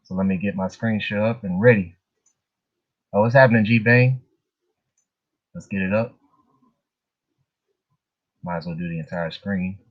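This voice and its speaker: This livestream host keeps things informal, chuckling as he chats with viewers. His voice is lowish and unhurried, with frequent pauses, heard through dull, muffled lo-fi audio.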